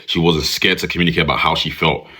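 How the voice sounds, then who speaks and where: A young British man telling dating stories to camera in a casual, animated way, ending his lines with "bro". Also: a bass voice, fast. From United Kingdom.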